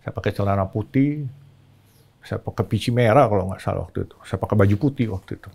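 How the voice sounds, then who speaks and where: A man, a podcast guest telling a story in casual chat, who acts out quoted shouts in a much higher voice. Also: fast talker, vocal fry, slightly rough.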